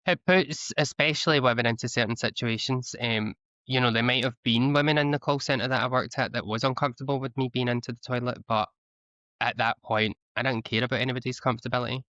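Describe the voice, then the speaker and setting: Talking fast with fairly even intonation, this Scottish interview guest has a medium-pitched, pushed and bright voice in a dry recording that still sounds slightly dull and lo-fi. The conversation is candid, and he's earnest, with frequent restarts and repeated words.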